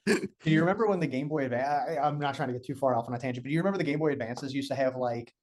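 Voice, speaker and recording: A young man co-hosting a casual podcast chat, animated and saying dude and like a lot. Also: medium pitch, racing. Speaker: podcast co-host.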